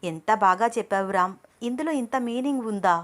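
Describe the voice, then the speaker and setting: A woman voicing a shy, playful young woman in love, speaking softly and bashfully in a spoken love story. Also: mid-range voice, fairly quick, close to an everyday voice. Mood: coy. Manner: soft, coy and bashful.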